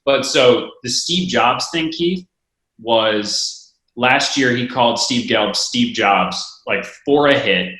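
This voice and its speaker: Man, podcast host, teasing chat, bright ringing voice, big empty-room echo. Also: mid-range voice, takes it slowly. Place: empty room in a new home. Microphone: wireless earbuds mic. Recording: echoey empty room over earbuds.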